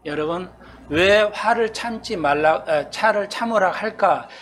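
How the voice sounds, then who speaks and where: High-voiced man preaching a sermon. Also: unhurried, fairly bright tone. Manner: conversational, asks the congregation questions and acts out their replies. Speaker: pastor. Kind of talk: expository sermon.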